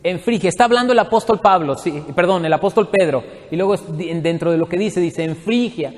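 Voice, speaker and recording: A man's voice: high-pitched, a little fast, big-room sound. A man from Mexico, teaching a Bible study to his congregation in a conversational way and often asking them questions.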